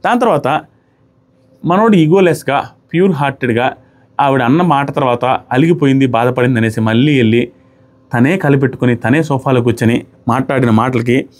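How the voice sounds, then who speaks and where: A man's voice: mid-range voice, fairly quick. A man giving an opinionated review of a reality show episode, arguing his points with pointed rhetorical questions.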